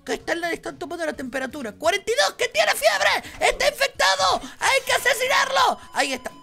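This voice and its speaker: A man whose voice sits extremely high and bright, often breaking into shouts. He gives playful, rowdy let's-play commentary with a gravelly edge to his voice. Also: sing-song, brisk, faint music behind. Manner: loud, playful, frequently shouting. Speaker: gaming YouTuber.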